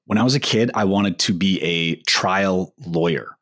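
A man's voice: deep voice, unhurried, a bit bright, no echo, clean studio sound. A young man born in the Philippines and raised in Oregon, co-hosting a casual podcast chat and rambling freely with fillers. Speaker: co-host.

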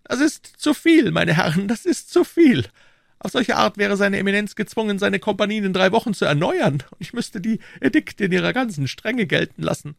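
A man voicing an excitable young king in a high, fussy, scolding voice, reading a story aloud. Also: creaky, dry recording, studio quality, exaggerated voice. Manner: shrill, fussy, quick to scold. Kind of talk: audiobook character voice.

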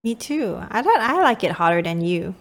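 A woman's voice: medium pitch, very animated, normal speed. A woman co-hosting a podcast in casual chat, laughing often. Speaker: podcast co-host.

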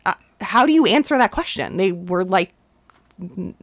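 A woman's voice: medium pitch, lively intonation, normal speed, dry recording, clean studio sound. A young woman chatting on a podcast, earnest and rambling, often restarting her sentences and rising when she makes a point. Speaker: podcast co-host. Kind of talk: casual podcast chat.

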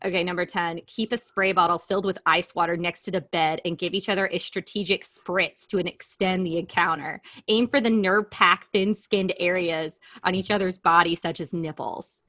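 Bright-voiced, blunt woman podcast co-host. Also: lowish voice, fairly even intonation, normal speed, hardly any pauses, no echo, studio quality. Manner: blunt and profane, laughs often. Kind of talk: casual chat, reading out a list.

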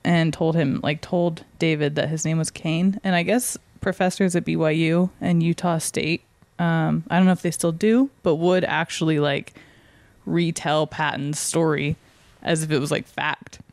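A man's voice: on the high side, steady tone, moderate pace, no room sound. Casual man with a lightly hesitant delivery. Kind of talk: casual discussion.

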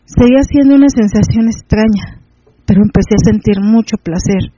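High-voiced man reading an erotic story. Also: normal speed, warm tone, dry recording, dull audio. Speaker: narrator.

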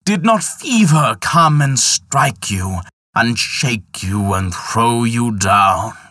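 A man voicing Death in a spoken folk tale, speaking in a slow, measured, solemn way. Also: medium pitch, lively intonation, pushed and bright, dry recording, clean studio sound, exaggerated voice. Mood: accusing. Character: Death, stern male personification of death.

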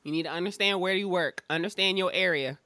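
A woman's voice: fairly low pitch, fast talker, sharp tone, dry recording. A woman with a Southern US accent and drawl, talking bluntly and emphatically and swearing freely in a candid podcast chat. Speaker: schoolteacher.

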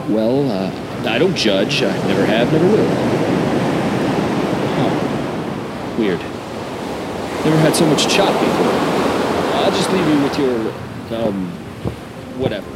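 An actor playing a hammy, chatty pirate-tour boat captain, with florid patter that drops into awkward casual asides in an audio drama. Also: male voice, medium pitch, sing-song, slow, pauses often, loud music behind the voice, poor audio.

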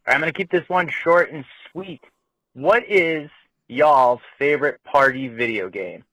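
A man's voice: a little high, a little slow, a bit bright, dry recording, rough recording. A man leaving a casual, slangy voicemail for a call-in show, played back on air. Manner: laid-back and slangy, full of "like". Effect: phone voicemail played back on air.

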